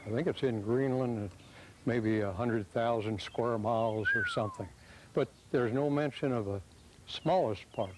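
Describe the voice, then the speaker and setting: A man's voice: medium pitch, wildly swooping pitch, normal speed, noisy background. An older man talking easily and with dry humor in an outdoor news interview in a small park. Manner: easygoing, dryly humorous, chuckling.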